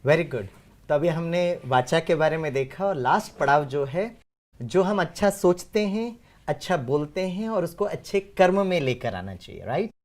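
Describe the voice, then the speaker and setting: Male teacher, animated storyteller for a children's class, wide pitch swings, often chuckling. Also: normal speed. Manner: lively, acts out his own lines with big shifts in tone. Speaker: teacher and guest speaker for children.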